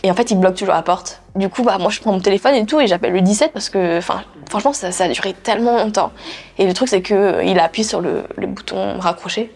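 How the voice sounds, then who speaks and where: A young woman giving a personal testimony in a casual, halting way, with many fillers and restarts. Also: mid-range voice, gravelly, darkish tone. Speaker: interviewee telling her story.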